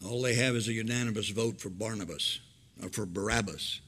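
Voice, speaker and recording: An older man preaching a sermon from a church pulpit, swinging between loud emphatic lines and hushed, low asides. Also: a little fast, breathy edge. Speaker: pastor. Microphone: pulpit microphone.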